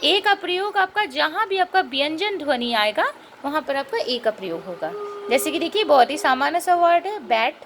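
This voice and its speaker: High, lively woman teaching grammar. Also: noisy background. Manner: patient, checks in with rhetorical questions; spells out and repeats sounds slowly. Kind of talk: explanatory grammar lesson.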